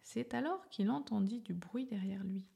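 A woman reading a children's story aloud in a soft, gentle way, often half-whispered. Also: medium pitch, normal speed, gravelly, breathy edge.

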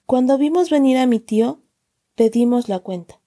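A woman reading a children's story aloud in calm storybook narration, acting out the dialogue. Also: high-pitched, normal speed.

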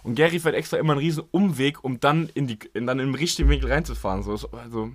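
A young man in casual podcast chat, slangy and animated, often acting out what friends said. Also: mid-range voice, fast, dry recording. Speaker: podcast co-host.

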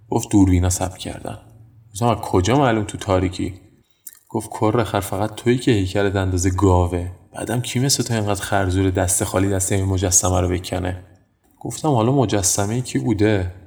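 A man's voice: sits low, a little mellow. A matter-of-fact young man. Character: young man taking the blame, recounting calmly. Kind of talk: dramatic monologue.

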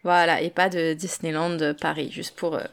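A woman's voice: low-pitched, flat delivery, normal speed, vocal fry. Chatty woman podcast host. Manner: chatty, with frequent fillers. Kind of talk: casual podcast chat.

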